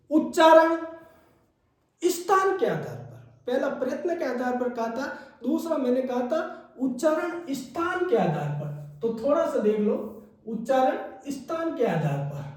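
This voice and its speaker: A man teaching Hindi grammar as a classroom lecture, repeating key points and checking in with his students. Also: very high voice. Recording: echoey room, mic far off.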